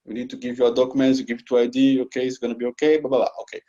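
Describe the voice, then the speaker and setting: Brazilian man telling an animated story. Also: medium pitch, rapid-fire, dull audio. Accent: Brazilian Portuguese. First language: Portuguese. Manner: animated, acts out quoted dialogue, laughs often. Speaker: interview guest. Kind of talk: storytelling in an interview.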